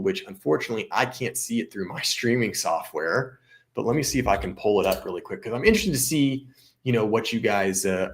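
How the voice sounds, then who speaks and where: A male realtor hosting a live stream in a relaxed, chatty voice of middling pitch. He often restarts mid-sentence and drops dry, sarcastic asides as he talks. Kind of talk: casual live-stream commentary.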